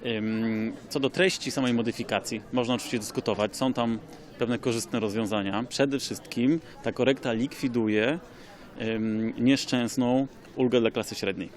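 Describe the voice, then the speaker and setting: A man, a lawyer, giving an expert comment in a measured way, often pausing with hesitation fillers. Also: medium pitch, steady tone. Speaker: lawyer commenting on tax changes.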